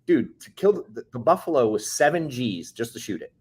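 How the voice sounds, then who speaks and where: Husky, laughing bro, lively low voice. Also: male voice, a little fast. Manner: laughing often, swearing, bro slang. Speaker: podcast co-host. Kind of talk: casual chat.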